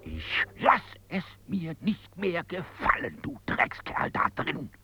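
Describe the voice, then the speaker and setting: A man's voice: very animated, moderate pace, gravelly, dark tone, slightly rough, no echo, full character voice, poor audio. An actor playing a self-conscious man who narrates his unease with his own body, in a radio drama. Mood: furious. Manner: brooding inner monologue, bursts into shrill rage. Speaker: first-person narrator of a radio play.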